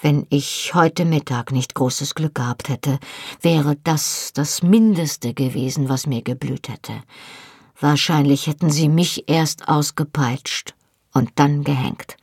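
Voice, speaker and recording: A woman reading an audiobook voices a fierce, proud young Highland husband, speaking low and rough with passion. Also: measured pace, no room sound, studio quality. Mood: raw, pained.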